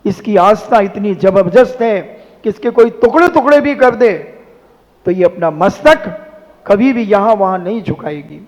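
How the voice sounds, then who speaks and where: Casting: high-pitched male monk preacher, animated and scolding, in an echoing hall with dull sound. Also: normal speed. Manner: animated, rhetorical scolding with mimicry. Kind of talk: sermon.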